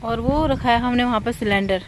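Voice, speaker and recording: A woman's voice: a little high, fairly quick, background noise. A woman in her thirties chatting to viewers in a casual home vlog, recorded outdoors at a village home. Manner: chatty, addresses viewers directly. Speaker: vlogger.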